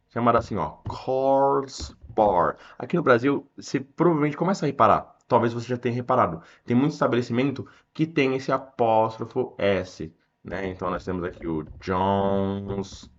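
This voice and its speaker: A man with a Brazilian accent teaching English, explaining a text line by line and reading the English sentences slowly. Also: mid-range voice, muffled recording. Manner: slows down to read English sentences aloud.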